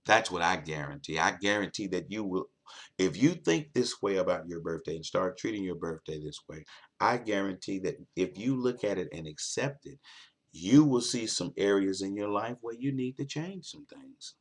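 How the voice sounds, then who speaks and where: A man's voice: sits low, expressive, normal speed. A man hosting a late-night talk show, delivering an earnest motivational monologue that repeats its key points for emphasis.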